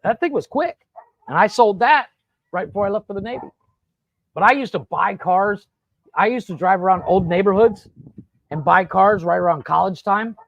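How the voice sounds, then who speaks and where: A man hosting a podcast, his voice pitched high and rough with gravel. He rambles through profane, animated stories in a dry, close studio sound. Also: moderate pace, long pauses, no room sound, muffled recording. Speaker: podcast host. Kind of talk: casual storytelling chat. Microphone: podcast studio mic.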